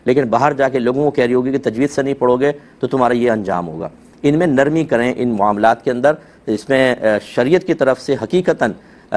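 A middle-aged man, a mufti who answers viewers' religious questions in a calm, measured, explaining way, gently urging his listeners. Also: mid-range voice. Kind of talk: religious Q&A talk show.

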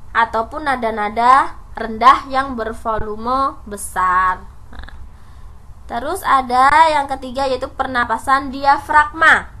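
A woman's voice: sits high, pushed and bright. A woman teacher giving a recorded lesson, explaining step by step and often adding a checking "ya" or a "nah". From Indonesia.

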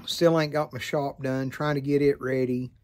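A middle-aged man with an American Southern accent chats casually to camera outdoors. His pitch is average for a man. He rambles in a folksy, unhurried way, like a hobbyist vlogger catching viewers up. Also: fairly even intonation. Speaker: vlogger and hobby pipe maker. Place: outdoors by a farm field.

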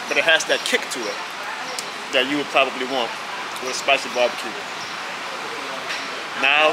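A man reviewing barbecue in a casual, chatty food vlog, talking with his mouth full. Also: mid-range voice. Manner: casual, chatty, addresses viewers as y'all. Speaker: food vlogger. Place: barbecue restaurant, indoors. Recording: loud restaurant background noise.

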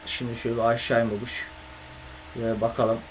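A young gaming streamer broadcasts live from a home setup on a desk microphone, chatting casually with viewers and swearing and grumbling at his computer. His mid-range voice moves little in pitch and comes out brisk, with slight background noise.

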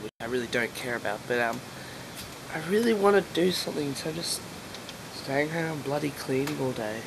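A man's voice: on the high side, gravelly. Stuffy-nosed young man vlogging at home. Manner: rambling, chatty, laughs often. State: stuffy nose and sore throat. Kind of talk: casual video diary. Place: at home, indoors. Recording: echoey room with background noise.

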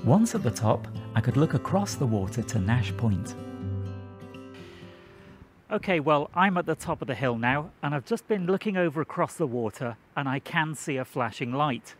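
A man in his forties presents an explanatory vlog, sounding animated at a normal pace with a mid-range voice and a methodical, conversational approach. Soft music plays underneath, and clear ambient noise from outdoors and a moving car is audible.

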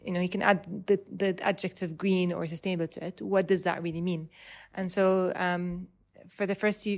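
A woman in her thirties from Dubai, an urban planner answering interview questions in a measured way, pausing with ums and restarting phrases. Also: fairly low pitch.

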